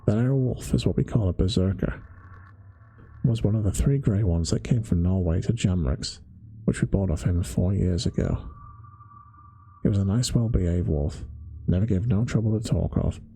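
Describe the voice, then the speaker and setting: A man putting on a gruff old London zookeeper. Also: sits low, dark tone, exaggerated voice. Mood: grumbling. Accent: London working-class (put on). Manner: rough dialect, slow folksy telling. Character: gruff old male zookeeper, grumbling, blunt. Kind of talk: bedtime-story ASMR reading.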